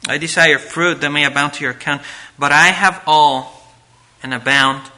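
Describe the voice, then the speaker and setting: A man preaching a sermon to a congregation at a pulpit, reading scripture emphatically, with drawn-out words and rhetorical questions. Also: fairly high pitch, steady tone, bright, forceful tone, poor audio.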